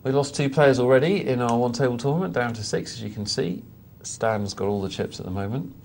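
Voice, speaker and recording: A man's voice: mid-range voice, a little fast, vocal fry, darkish tone, slight background noise. A man commentating live poker with dry, self-mocking humour and banter.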